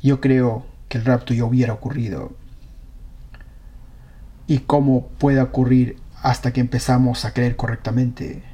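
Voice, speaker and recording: A man's voice: medium pitch, level tone, unhurried, warm tone, a little hiss or hum. A man preaching a sermon, reading scripture aloud and earnestly questioning his congregation.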